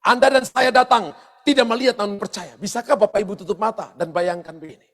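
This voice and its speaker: A man, a pastor, preaching a sermon to a church congregation, telling stories vividly, calling out to the listeners and breaking into loud exclamations. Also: high-pitched, fast. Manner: animated storytelling with loud exclamations; addresses the congregation directly and often. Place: church service.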